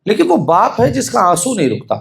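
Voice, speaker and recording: A man preaching a mourning sermon, swinging from hushed storytelling to shouted emphasis and often urging his listeners to pay attention. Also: high-pitched, huge pitch swings, vocal fry, a little hiss or hum. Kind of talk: Shia majlis sermon.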